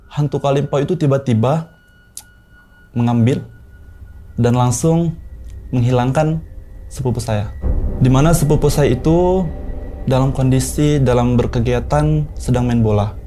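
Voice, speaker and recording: A man in his twenties from South Sulawesi, telling a horror story in a relaxed, unhurried way with many pauses. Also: mid-range voice. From South Sulawesi, Indonesia. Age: 20s. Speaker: guest storyteller.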